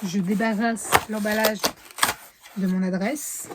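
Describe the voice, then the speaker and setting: A woman's voice: medium pitch, fairly even intonation, slow, very noisy. A woman chatting casually in a reading vlog, rambling with fillers and self-corrections, now and then dropping to a whisper. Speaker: book vlogger.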